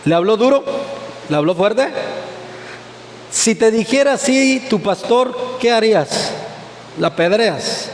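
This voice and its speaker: A man's voice: high-pitched, animated, slow, long pauses, slight background noise. A male pastor preaching a sermon, often asking the congregation questions and answering them himself. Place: church sanctuary. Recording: echoey church hall with faint ambience.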